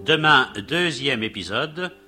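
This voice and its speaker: A man's voice: medium pitch, lively intonation, slow pace. A man announcing an old 1950s radio serial, declaiming the title and cast credits in a theatrical way over music. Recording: 1950s radio broadcast recording.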